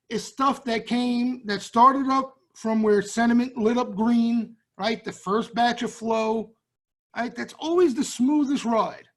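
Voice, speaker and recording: A man with a Brooklyn accent hosting a trading show, talking casually and bluntly to viewers and often checking in with "right?". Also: very high voice. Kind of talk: casual market talk to viewers.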